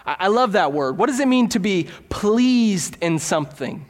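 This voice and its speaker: A man's voice: high-pitched, animated, moderate pace, big-room sound. A man preaching a sermon as pastor in a church, conversational and illustrating his points with everyday stories. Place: church sanctuary.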